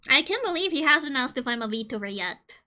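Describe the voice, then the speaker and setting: A woman from Colombia streaming casually, joking and reading game questions aloud, with sudden loud squeals. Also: high-pitched, very animated, a little fast.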